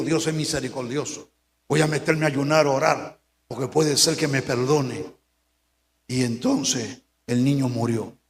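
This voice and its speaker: A male pastor preaching a sermon, swinging between hushed lines and shouted warnings. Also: fairly high pitch, echoey room, long reverb tail.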